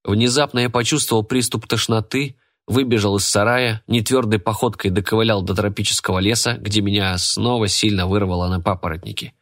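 Reading a story told in the first person, this male audiobook narrator keeps a low pitch and a calm, measured cadence. His delivery never wavers.

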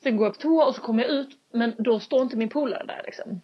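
A young woman in casual podcast chat, telling a story with lively acted-out quotes and casual swearing. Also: fairly high pitch. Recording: dull lo-fi sound.

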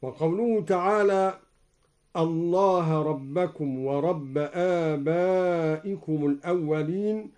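A man's voice: on the high side, a little mellow. A man explaining variant readings on the radio, chanting each example verse after his explanation. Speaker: Quran recitation teacher.

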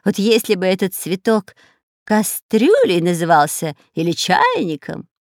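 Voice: mid-range voice, wildly swooping pitch, measured pace, no echo, studio quality. A narrator voicing a sly, long-nosed male spy in a storybook reading, talking in a whiny, dismissive way. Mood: grumbling.

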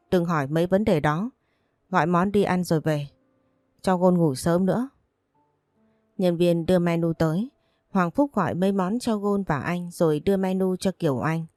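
A woman narrating a romance story, reading the lines of every character in one steady voice. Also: on the low side, no echo, studio quality. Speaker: audiobook narrator.

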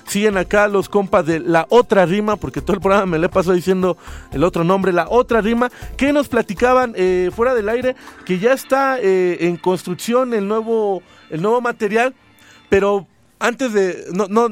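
A man, a radio host who reads a story expressively and then chats with guests. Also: high voice. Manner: expressive reading, voices quoted lines loudly. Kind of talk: dramatic story reading, then casual radio chat.

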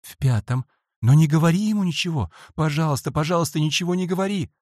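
A frightened schoolboy, as a male audiobook reader puts him on, pleading in tense, anxious outbursts. The voice leaps high and swings widely. The sound is dry and close, with no room around it. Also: lively intonation, moderate pace, a little mellow, no room sound.

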